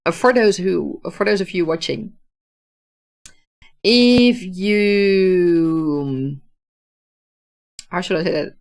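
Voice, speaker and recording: Hosting a relaxed livestream, this Dutch author responds to viewers' comments with care, often restarting and using fillers. Her Dutch-accented voice is on the low side, with drawn-out words, vocal fry and long pauses.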